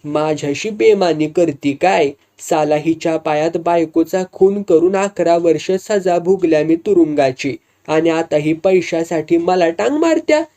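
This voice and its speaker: A man's voice: on the high side, unhurried, mellow. A man voicing an angry, betrayed male folk troupe leader who talks bitterly. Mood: furious. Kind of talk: storytelling with acted dialogue.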